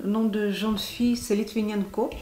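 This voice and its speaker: A woman's voice: medium pitch, level tone, moderate pace, dark tone. A middle-aged woman from Ukraine with a Ukrainian accent, earnestly answering interview questions with many restarts. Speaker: interviewee, volunteer. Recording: echoey room with music under.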